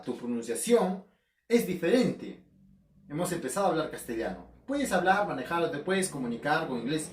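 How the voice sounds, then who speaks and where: Guy teaching lit from home, asks himself questions, roomy echo. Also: fairly high pitch. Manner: animated, asks and answers his own questions. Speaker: literature teacher. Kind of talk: casual remote class lecture. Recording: echoey room, voice somewhat far from mic.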